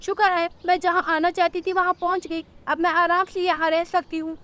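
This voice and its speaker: A woman's voice: very high voice, little pitch movement, fairly quick, voice pushed up. A woman voicing a grumpy old female bird, a nagging mother-in-law who scolds and complains, in a cartoon story. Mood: relieved. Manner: scolding, complaining, sharp-tongued.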